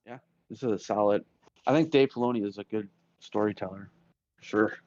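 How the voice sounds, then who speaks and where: A man co-hosting a casual podcast, throwing in quick joking asides. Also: on the low side, a little mellow, no echo, muffled recording. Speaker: podcast co-host.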